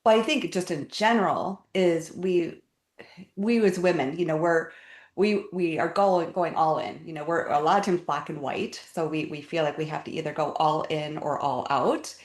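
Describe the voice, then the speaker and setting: A middle-aged woman guest who explains health topics step by step in a relaxed, casual way, often repeating words as she goes. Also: low voice, normal speed. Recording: echoey room.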